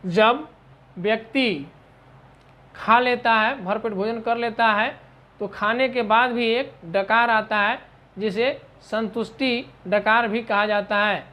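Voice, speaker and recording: Slow-spelling woman English teacher. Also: fairly high pitch, fairly even intonation, fairly bright tone. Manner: spells each word letter by letter, then explains it slowly. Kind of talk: vocabulary lesson.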